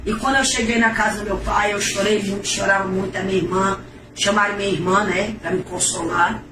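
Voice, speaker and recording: A woman's voice: medium pitch, steady tone, fairly quick. A middle-aged woman, giving an emotional, repetitive religious testimony in a preacher-like manner. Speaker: testimony giver. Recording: echoey, distant, noisy.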